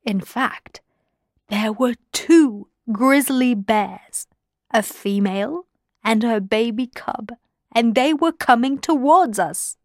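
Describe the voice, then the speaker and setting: A woman reading a workbook listening passage aloud, slowly and carefully. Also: on the high side, dry recording, studio quality. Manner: slow, clear, careful reading. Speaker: workbook audio reader. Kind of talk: scripted narration.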